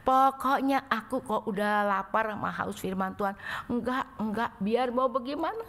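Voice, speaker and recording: Mary, as a preacher woman puts her on, pleading and high. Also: moderate pace, fairly bright tone. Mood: yearning. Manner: pleading, yearning, voice rising high. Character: Mary, young woman hungry for God's word. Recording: echoey church hall.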